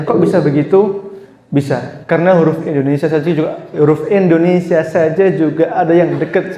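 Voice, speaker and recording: A man's voice: on the high side, warm tone, reverberant. A man teaching Quran recitation, drawing out sounds and explaining them patiently.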